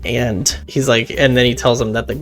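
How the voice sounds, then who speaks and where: A man casually recapping a horror film, rambling and excitable, with laughs and swearing. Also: medium pitch, normal speed, soft background music.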